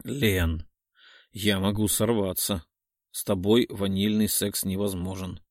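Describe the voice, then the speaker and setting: A man's voice: deep voice, fairly even intonation, slow pace, no room sound, clean studio sound. A man reading an audiobook, voicing an earnest young man who pleads with his lover. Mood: cautious.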